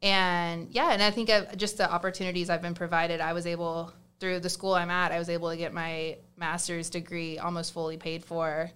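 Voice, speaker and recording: Smooth-voiced Southern woman, chatty. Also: fairly low pitch, level tone, a little fast, hardly any pauses, fairly bright tone. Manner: chatty, many fillers and restarts. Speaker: guest. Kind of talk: casual interview chat.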